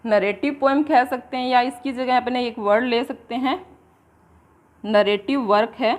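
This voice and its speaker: A female teacher with a slightly high voice gives an exam-prep lecture, slowly dictating definitions and then explaining them in Hindi.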